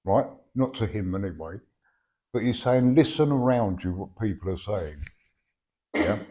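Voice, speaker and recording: A man with a low, mellow voice speaks as a medium, his words softened and slightly slurred by missing teeth. He is blunt and chatty, often checking that his listener follows. The live recording is dull and lo-fi. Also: animated, moderate pace. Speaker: spirit medium giving a reading. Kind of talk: live mediumship reading, conversational. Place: live event before a sitter.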